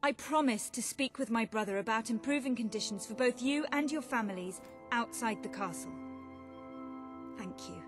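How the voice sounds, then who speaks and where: A woman's voice: on the high side, moderate pace, music in the background, lightly acted. A young woman playing a poised, compassionate princess in a video game. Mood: composed, kind. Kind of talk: video game character acting.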